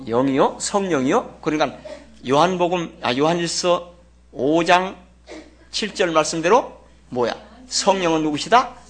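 A man's voice: on the high side, lively intonation, unhurried. A man preaching a sermon, leading the congregation in reading along, asking rhetorical questions and pressing hard on key words. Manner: emphatic, rising to loud stress; has the congregation read along. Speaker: pastor.

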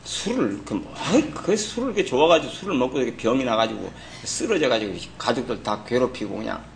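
A man's voice: medium pitch, lively intonation, quick pace, creaky, slight background noise. Blunt, teasing middle-aged male pastor. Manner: blunt, colloquial, teasing and scolding the congregation. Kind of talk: sermon.

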